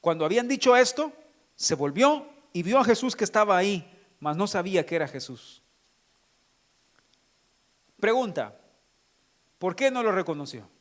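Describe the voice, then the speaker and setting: High-voiced man preaching a sermon. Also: sing-song, normal speed, long pauses. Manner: preaching with rhetorical questions to the congregation. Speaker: pastor.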